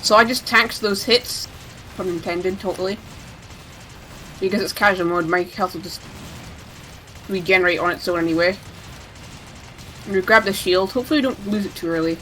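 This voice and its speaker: A woman's voice: mid-range voice, moderate pace, pauses often, sharp tone, a little hiss or hum, rough recording. A woman speedrunner giving casual live commentary on her own run, chatty and full of joking asides.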